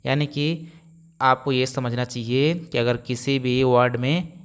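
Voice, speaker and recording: A man's voice: mid-range voice, fairly even intonation, unhurried, clear, resonant tone. A man teaching English pronunciation rules, explaining step by step and answering his own questions. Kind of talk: spoken phonics lesson.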